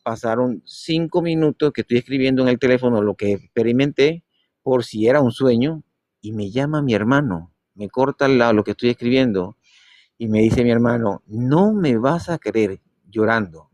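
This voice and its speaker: A man's voice: medium pitch, a little fast, no echo. A man telling a personal story in a casual live stream, acting out the dialogue. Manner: animated storyteller, acting out quoted dialogue with dropped soft voice.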